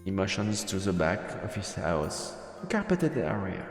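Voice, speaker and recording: With a deep, very animated voice at a measured pace, a let's-player narrates a game playfully, reading story text aloud and mixing in casual commentary. The recording has roomy reverb, with music running in the background.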